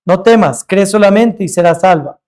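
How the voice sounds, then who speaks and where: A man voicing a calm, reassuring teacher who speaks to mourners softly and without hurry. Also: sits high, moderate pace, natural voice. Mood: gentle.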